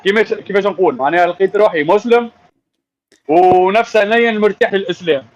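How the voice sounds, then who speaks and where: A man's voice: high voice, quick pace, muffled recording. A man from Tunisia with a Tunisian Arabic accent, calling into a live debate stream and stumbling over formal words. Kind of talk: casual call-in chat.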